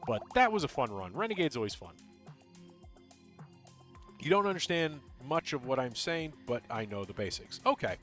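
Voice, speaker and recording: A male game streamer talks through his run and answers chat, mumbling and rambling with plenty of ums. His pitch swings widely and he sounds animated. Soft game music plays faintly behind him. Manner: tends to mumble and talk fast; rambling, full of ums and uhs. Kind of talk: casual gameplay commentary, chatting with viewers.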